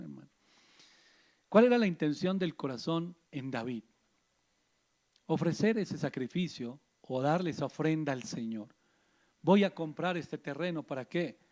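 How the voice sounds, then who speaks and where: A man's voice: fairly high pitch, lively intonation, normal speed, a little mellow. A man preaching a sermon as pastor, pressing the listener with rhetorical questions. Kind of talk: radio sermon.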